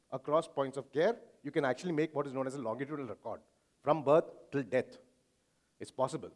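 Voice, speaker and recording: A man with a mid-range, slightly mellow voice and an Indian accent gives an explanatory conference talk as a physician. He speaks informally to the audience in a hotel conference hall, using everyday examples.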